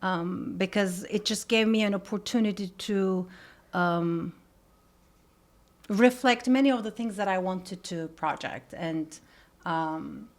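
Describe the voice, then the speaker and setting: A woman's voice: mid-range voice, slow pace. Hesitant Turkish-born woman artist. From Turkey. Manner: hesitant, many ums and uhs. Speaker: guest artist. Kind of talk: casual interview.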